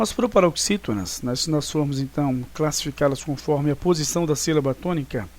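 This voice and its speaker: A man's voice: fairly high pitch, darkish tone. Brazilian man teaching a grammar lesson. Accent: Brazilian Portuguese. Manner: explanatory, frequent "né" and "tá" checks. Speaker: Portuguese teacher. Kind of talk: recorded online grammar lesson.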